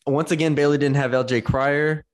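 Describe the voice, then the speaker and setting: A man's voice: a little high, fairly even intonation, normal speed. A man co-hosting a casual sports podcast, talking enthusiastically with frequent fillers and restarts. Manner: enthusiastic, conversational, many fillers.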